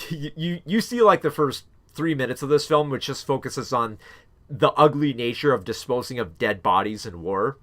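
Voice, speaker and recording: A man's voice: mid-range voice, expressive, moderate pace, a bit bright. Rambling man reviewing films. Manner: rambling, many fillers and restarts. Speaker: film reviewer. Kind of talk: casual spoken movie review.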